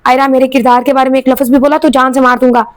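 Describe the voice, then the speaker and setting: A woman's voice: sits high, flat delivery, no echo, lightly acted. A woman narrator voicing a hot-tempered young man who speaks in anger in an audio novel. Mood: angry. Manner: angry and threatening.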